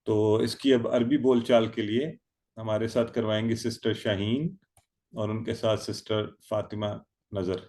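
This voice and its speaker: A man's voice: fairly low pitch, little pitch movement, mellow. A man teaching an online Arabic grammar lesson, drilling verb forms by repetition and calling on students by name over a video call.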